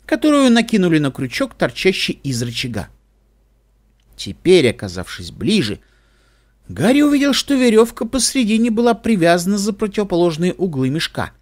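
Male audiobook narrator, expressive storytelling, slightly higher voice, very lively intonation. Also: normal speed. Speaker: audiobook reader.

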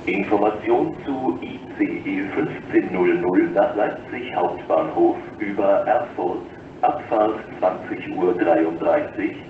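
A low-voiced man gives a flat platform announcement. His delivery is formal, segmented and slow. The sound comes a distant station loudspeaker, echoey and clearly noisy. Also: narrow, tinny audio.

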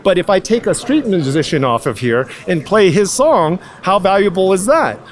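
Stopped for a street interview outdoors at night, a young passerby muses philosophically and poses rhetorical questions into the interviewer's handheld mic. His voice is high-pitched and very animated, at a moderate pace.

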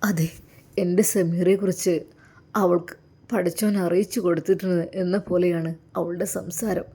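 A woman voicing a gentle, widowed male religious teacher who talks in a soft, coaxing, reassuring way. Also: lowish voice, steady tone, normal speed, husky. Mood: earnest. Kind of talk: audio story drama.

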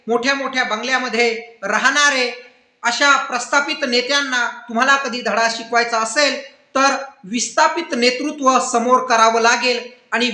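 A man's voice: extremely high pitch, bright, forceful tone, roomy sound. A man giving an impassioned, oratorical campaign appeal as a political commentator, rallying his listeners. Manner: rousing, oratorical, addresses viewers as friends and brothers.

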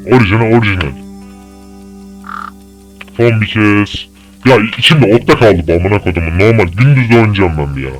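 A young man giving angry gameplay commentary, swearing and shouting at the game in a fury. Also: deep voice. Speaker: gaming YouTuber.

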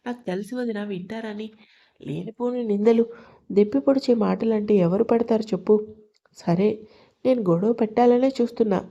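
A woman's voice: mid-range voice, normal speed, lightly acted. Woman voicing a defiant young daughter-in-law. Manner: sharp, raised voice. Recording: lo-fi dull sound.

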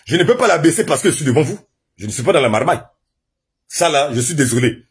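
A man from Gabon with a Gabonese French accent, loudly and emphatically telling the story of his detention and trial. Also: on the high side, very animated, fast, slightly rough. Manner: loud, emphatic, says his voice is naturally loud, laughs while telling. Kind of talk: animated personal storytelling to an audience.

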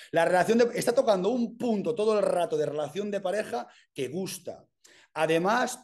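A man with an accent from Spain, giving an energetic, casual mentoring talk full of slang and swearing. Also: sits high. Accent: Spain Spanish. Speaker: personal branding mentor.

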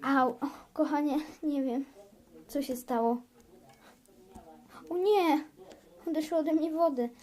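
A woman's voice: high voice, fairly even intonation, takes it slowly, long pauses, darkish tone. A child playing an anxious young pregnant woman in labor during pretend play, whimpering. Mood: alarmed.

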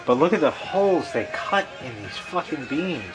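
A homeowner records himself fixing his plumbing, talking through it in a loose, rambling way with plenty of swearing and a crude, wry streak. He speaks at normal speed in a slightly high, sing-song voice over music.

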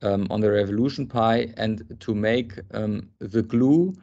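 A man's voice: on the low side, a little slow, dark tone. Hesitant man presenting over a lo-fi video call. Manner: hesitant, many ums and restarts. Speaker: software architect presenting. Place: indoor office. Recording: dull lo-fi video call audio.

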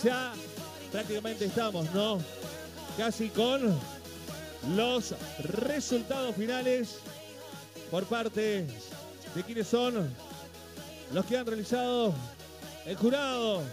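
Male Argentine festival emcee, very high voice, live PA sound with music behind. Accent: Argentine Spanish. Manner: emphatic, drawn-out announcer delivery. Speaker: festival stage host. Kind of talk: live stage announcing. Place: outdoor festival stage. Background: music playing.

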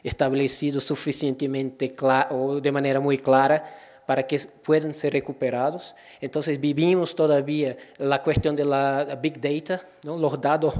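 A man's voice: on the high side, a little mellow. A man in his forties from Brazil, a native Portuguese speaker, gives a conference lecture in a Brazilian-accented mix of Portuguese and Spanish, restarting words hesitantly. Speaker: conference speaker, digital curator. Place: auditorium, indoors. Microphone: gooseneck podium microphone.

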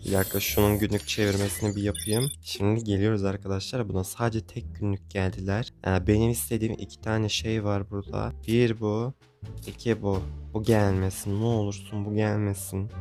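Excitable gaming commentator, lowish voice. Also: male voice, fairly quick, faint music behind. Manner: excitable, pleading and grumbling at the game. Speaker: gaming YouTuber. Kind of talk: casual gameplay commentary.

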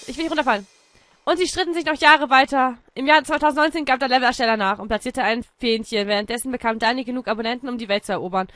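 German-accented woman gaming host, playful and goofy, high and sharp in tone. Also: racing, no echo, faint music behind. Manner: silly, bursts of shouting, narrates in mock-story tone. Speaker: gaming YouTuber. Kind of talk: playful let's-play commentary.

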